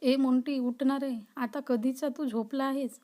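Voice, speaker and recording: A woman's voice: high voice, fairly even intonation, a little slow, mellow. Eager young man in love, read by a woman. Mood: coaxing.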